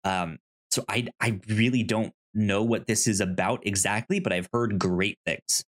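Steady in tone and unhurried, this man's lowish voice carries a casual podcast chat where he co-hosts, pitches comics and reads blurbs out loud. He frequently stumbles over the opening syllables of words.

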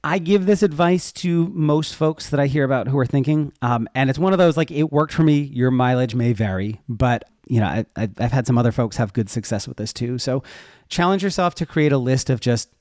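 A man's voice: medium pitch, lively intonation, brisk, darkish tone, dry recording, clean studio sound. A man talking casually as a podcast guest, candid and conversational as he explains things from his own experience. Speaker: podcast guest, web development educator. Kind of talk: casual interview talk.

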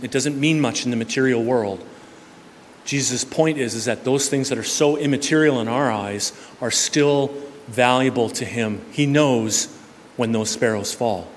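Male pastor, sermon, conversational delivery, loud-to-hushed swings, mid-pitched voice, long church reverb, faint room noise. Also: moderate pace. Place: church sanctuary.

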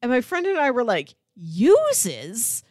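The recording is studio quality with no echo: a woman whose voice sits on the high side takes it slowly as she co-hosts a casual movie podcast. Animated and chatty, she keeps acting out imagined lines while talking film.

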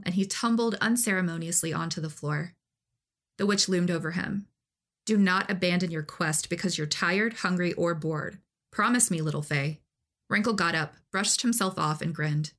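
A woman's voice: on the low side, fairly bright tone. A woman co-hosting a podcast, recapping a story in casual chat and laughing often. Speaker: podcast co-host.

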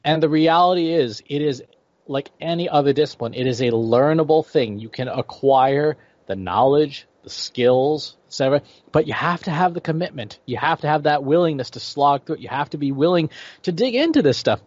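A man's voice: fairly high pitch, animated, normal speed, darkish tone, dry recording. Man in his forties, explaining with "right?" checks. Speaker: guest expert. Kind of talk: explanatory interview answers. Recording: dry, slightly dull lo-fi audio.

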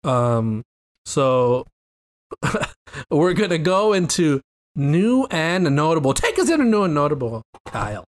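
A man's voice: on the high side, takes it slowly. Joking male podcast co-host. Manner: joking, animated, reads news bullet points. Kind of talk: casual gaming podcast chat.

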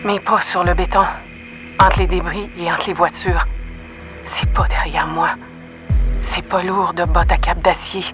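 A woman's voice: on the low side, fairly even intonation, measured pace, pauses often, natural voice. An actress with a Québécois French accent voicing a hunted woman who narrates her escape in short, clipped first-person lines. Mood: tense, breathless. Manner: terse, tense, clipped fragments. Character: hunted young woman, tense then coldly calm. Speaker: narrator-protagonist of an audio drama. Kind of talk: intimate first-person radio drama narration. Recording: clear music under the voice. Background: music score.

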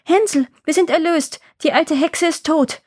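A woman voicing a frightened but clever little girl in a storybook reading, high and pleading. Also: steady tone, a little fast, no room sound, clean studio sound, natural voice. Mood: overjoyed. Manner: pleading, tearful.

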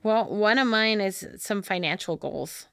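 A woman's voice: medium pitch, a little slow, fairly bright tone, no echo, clean studio sound. A woman co-hosting a podcast, chatting casually and laughing often. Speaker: podcast co-host. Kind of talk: casual chat.

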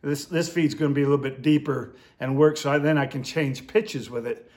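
A man's voice: on the high side, fairly even intonation, a little fast, darkish tone. A man instructing in duck calling, explaining his technique step by step in an informal, hands-on way.

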